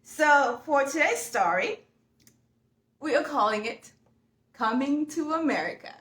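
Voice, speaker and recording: A woman's voice: sits high, expressive, measured pace, fairly bright tone, reverberant. A young woman from Uganda, talking casually and upbeat to viewers while she works on a furniture project at home. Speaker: furniture painting vlogger. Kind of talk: casual chat while working. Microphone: camera mic.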